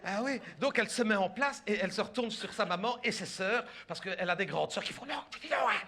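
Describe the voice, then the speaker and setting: A man's voice: high voice, brisk, noisy background. A man performing a stand-up comedy routine, telling a story and acting out the people in it with shifts of voice.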